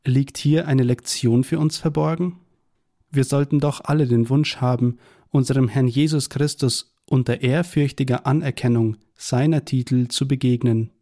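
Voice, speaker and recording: A man with a warm, mellow voice reads a devotional Bible tract aloud. His delivery is measured and earnest, weaving in scripture quotations at a middle pitch. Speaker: preacher reading a tract.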